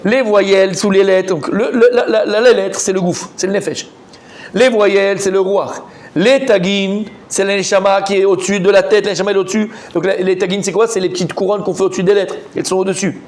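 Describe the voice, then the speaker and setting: Un homme rabbin qui donne un cours de Talmud animé, interroge ses élèves et répète ses mots en s'emportant. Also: male voice, a little fast. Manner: animated, quizzes the students, repeats words, rising pitch when excited. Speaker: rabbi teaching a Talmud class. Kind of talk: lively Torah class.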